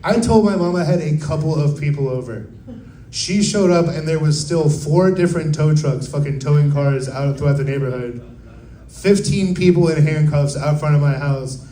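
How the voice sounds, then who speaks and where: Young male stand-up, laid-back profane storyteller, mellow slightly high voice, roomy live room. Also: normal speed. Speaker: stand-up comedian. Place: open mic at a coffee bar. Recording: roomy live venue sound.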